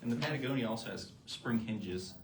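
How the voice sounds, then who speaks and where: A man's voice: medium pitch, fairly quick, echoey room, background noise. A man co-hosting a live product show, who explains each item in an easygoing way with frequent fillers. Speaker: co-host presenting eyewear.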